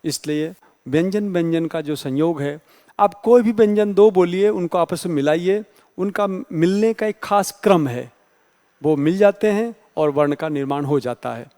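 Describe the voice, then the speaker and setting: High-voiced man teaching grammar, echoey room. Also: dark tone. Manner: explanatory, spells out letters slowly. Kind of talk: exam-prep Hindi grammar lecture.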